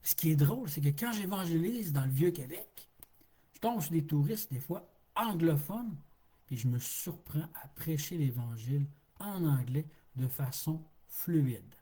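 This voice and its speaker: A middle-aged Québécois man preaching in a relaxed, folksy way, often repeating a word for emphasis. His voice is mellow and a little husky. He talks like a street pastor speaking plainly to his flock. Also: fairly high pitch, measured pace. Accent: Québécois French. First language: French. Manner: folksy, laughs easily, repeats words for emphasis. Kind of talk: informal sermon on a live stream.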